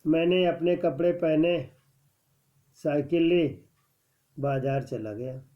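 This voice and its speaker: A man teaching a scripted grammar lesson at a measured pace, announcing each heading more loudly and reading the examples more softly. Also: fairly high pitch. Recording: dull lo-fi recording.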